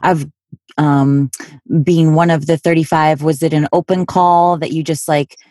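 A woman hosting a podcast interview, asking relaxed questions and giving short encouraging affirmations. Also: deep voice, a little slow, dry recording, studio quality. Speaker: podcast host. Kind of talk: casual interview conversation.

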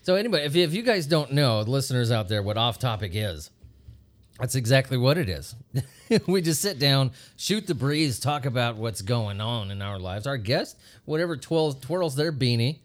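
A man hosting a podcast, chatting casually and joking with his guest, laughing often. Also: normal speed. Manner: jokey, laughs often, lively pitch. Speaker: podcast host. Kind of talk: casual chat.

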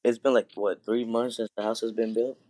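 Young male guest, mid-pitched, hesitant joker in casual conversation, low quality streamed call audio. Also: flat delivery, brisk, darkish tone. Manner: hesitant, stammering, joking. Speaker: guest answering questions. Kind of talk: casual chat. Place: online voice call.

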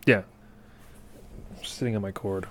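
A man's voice: fairly low pitch, fairly even intonation, a little slow, fairly bright tone. A young man in his late twenties chatting casually, easygoing and affirming. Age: young adult. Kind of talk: casual chat.

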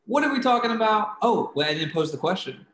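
A podcast co-host from the Philadelphia area talks fast in a high, very animated, slightly bright voice. His casual chat is playful and rambling, recorded with a roomy echo and faint background hiss.

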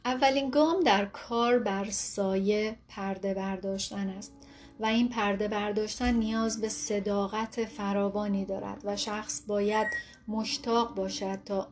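A woman narrating a self-help book in a calm, steady reading voice. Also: medium pitch, faint music behind. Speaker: audiobook narrator.

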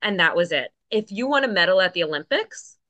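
A woman appears as a podcast guest; she is a Paralympic coxswain. Her lowish, fairly bright voice is animated and fairly quick as she explains things plainly and chattily, with lots of fillers and asides. The recording sounds muffled.

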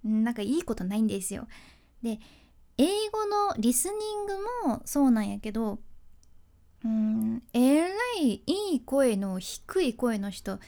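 In an unhurried, mellow, somewhat high and sing-song voice, this podcast host and freelance announcer chats through a casual solo talk about speaking tips. Her Hakata-ben Kyushu dialect blends with polite speech, and she laughs often.

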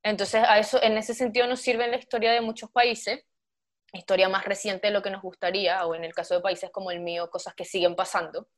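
A woman speaking thoughtfully in a casual panel discussion, pausing often on fillers. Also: mid-range voice, fairly even intonation. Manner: thoughtful, with frequent filler pauses.

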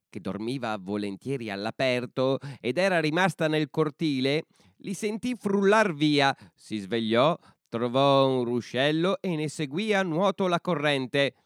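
A man narrating a traditional fairy tale for a bedtime podcast in an expressive storytelling manner. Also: medium pitch, measured pace, clear, resonant tone, no room sound, clean studio sound.

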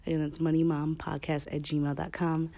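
A woman hosting a podcast in casual, rambling, candid talk, with a deep chesty voice that is a bit scratchy from a cold. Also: level tone, moderate pace, vocal fry, mellow, dry recording. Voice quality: slightly scratchy. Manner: candid, informal, swearing freely. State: fighting a cold. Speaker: podcast host.

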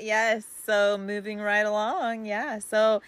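A woman co-hosting a podcast, chatting in a loud, laughing way and swearing freely. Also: mid-range voice, level tone, slow pace, dry recording. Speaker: podcast co-host. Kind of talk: casual chat.

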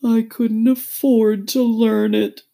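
A woman voicing a sad, weepy old male turtle creature in a storybook, speaking very slowly and mournfully with drawn-out words. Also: medium pitch, vocal fry, mellow, voice pushed up. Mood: melancholy. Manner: very slow, drawn-out, mournful delivery with sighs.

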